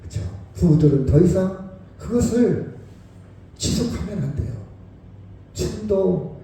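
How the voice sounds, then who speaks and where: Animated male pastor in an echoey church. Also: sits high. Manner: animated, swings between loud exclamations and hushed asides; addresses the congregation directly, often asking for agreement. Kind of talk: sermon. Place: church sanctuary. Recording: very echoey church hall, mic far off.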